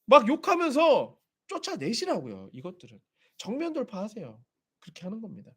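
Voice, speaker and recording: A man's voice: very high-pitched, huge pitch swings, a little fast, slightly rough. A man preaching a sermon as pastor, animatedly acting out quoted voices.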